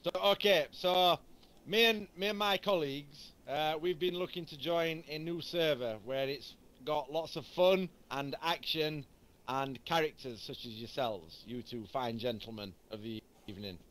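A man's voice: fairly high pitch, normal speed, a bit bright. A man playing a civilian in game role-play, talking in an amused, hesitant way over voice chat. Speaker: civilian player.

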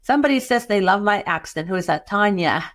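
Here a bookkeeping educator from Chile, middle-aged, runs a webinar via video call with a medium-pitched, animated and somewhat quick voice. She sounds warm and welcoming, uses many fillers, and speaks Chilean Spanish-accented English tinged with Texan.

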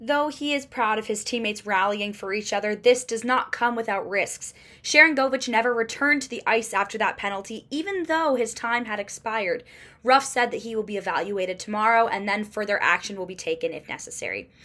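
A young woman in her twenties reading a scripted postgame sports report, steady and clearly paced, recorded in a small room at home. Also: medium pitch, brisk.

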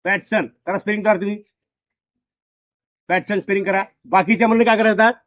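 A man's voice: sits high, fairly even intonation, quick pace, fairly bright tone, dry recording. Man, school teacher, classroom lesson, repetitive questioning, dry close sound, muffled lo-fi audio. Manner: repeats questions to pupils, drilling.

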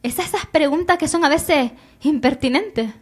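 A woman's voice: high-pitched, normal speed. A young woman hosting a comedic radio segment, playful and teasing, in a small studio on a desk mic. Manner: playful, teasing, asks leading questions. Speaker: radio host. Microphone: desk mic on stand.

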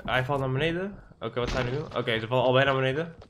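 A young man commentating his own Fortnite match for his channel, excitable and swearing, with English slang mixed in. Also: mid-range voice, racing, background noise. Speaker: gaming YouTuber.

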